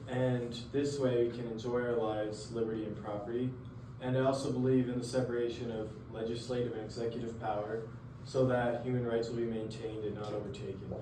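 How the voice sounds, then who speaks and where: A teenage boy playing a calm, principled male philosopher in a school role-play interview, reading plainly. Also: medium pitch, natural voice. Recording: roomy, distant mic, faint noise.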